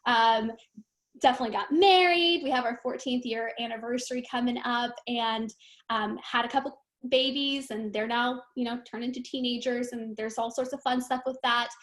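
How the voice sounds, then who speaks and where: A high-voiced woman in her thirties, from Romania, talks as a guest on a live stream. She tells her story candidly and casually, with plenty of fillers. Her voice comes over a video call. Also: fairly even intonation, moderate pace, fairly bright tone. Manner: candid, chatty with frequent fillers. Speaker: guest team leader.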